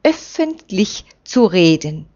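A woman reading aloud and voicing an old male envoy who speaks in a firm, measured, reproving way, on a dull lo-fi recording. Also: mid-range voice, very animated, darkish tone. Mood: commanding.

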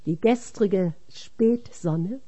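A woman reading a religious text aloud in a measured, solemn way. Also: medium pitch, dark tone. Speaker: reader.

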